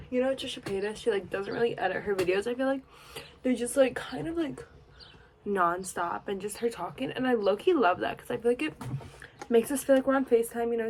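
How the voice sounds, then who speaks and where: A young woman chatting casually while getting ready, sleepy and rambling, sometimes dropping to a soft murmur. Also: a little high, slight background noise. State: sleepy, yawning. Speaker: beauty vlogger. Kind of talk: casual get-ready-with-me chat.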